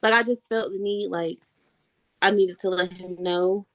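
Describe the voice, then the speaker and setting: A woman's voice: on the low side, fairly even intonation, measured pace, fairly bright tone. A woman in her thirties, a guest on a video-call interview, chatting casually, laughing often and calling the listener honey.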